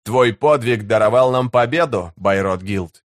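A man's voice: medium pitch, a little slow, no room sound, studio quality, natural voice. Karsa, a man voicing a fierce young warrior chief. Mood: commanding. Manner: bold, declaiming, commanding.

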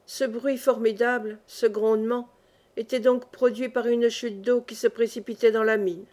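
A woman reading a classic novel aloud as an audiobook. Her delivery is expressive and dramatic. Her voice sits fairly high. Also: moderate pace. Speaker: audiobook narrator. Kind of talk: scripted narration of a classic novel.

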